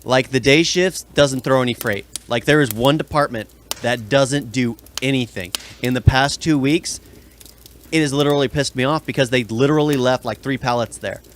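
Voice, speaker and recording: A man's voice: medium pitch, moderate pace, slight background noise. A man co-hosting a podcast, talking in a blunt, rambling way and complaining about his coworkers in a casual chat. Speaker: podcast co-host.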